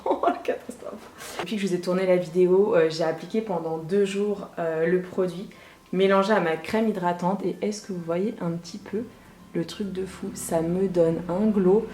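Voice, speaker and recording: A woman's voice: lowish voice, steady tone, normal speed, warm tone, slight background noise. Bubbly woman vlogger, echoey room. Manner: bubbly, chatty, talks straight to viewers. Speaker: beauty vlogger. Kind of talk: casual unboxing vlog. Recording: echoey room with faint music.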